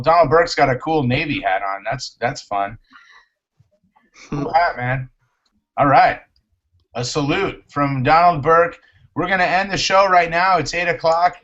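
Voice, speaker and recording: A man's voice: a little high, fairly bright tone, highs cut off. A man hosting a casual live chat show, playful and jokey, calling out his guests by name. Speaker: host.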